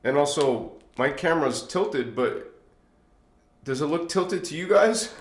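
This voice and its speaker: Slow, expressive, and fairly high-pitched, this man's voice carries a roomy sound. He's hosting a casual livestream into a phone on a tripod, rambling and chatty with a stuffed-up nose and frequent chuckles.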